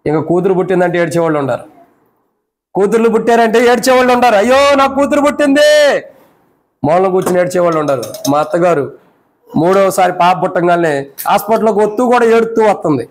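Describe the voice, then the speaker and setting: High-pitched male preacher, house prayer meeting sermon, rhetorical questions, hushed-to-loud swings. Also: animated, fast. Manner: repeats phrases and asks the listeners rhetorical questions.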